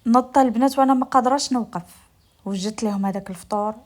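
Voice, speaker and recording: A woman's voice: fairly high pitch, racing, a little mellow. A woman with a Moroccan accent telling a story in the first person, speaking to her listeners in a confiding way. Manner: confiding, addresses listeners directly.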